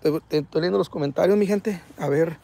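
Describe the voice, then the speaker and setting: A man hosting a live ghost-hunting stream outdoors at night, talking excitably in slang and reading viewer comments aloud. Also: a little high, a little fast, vocal fry. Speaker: paranormal livestream host.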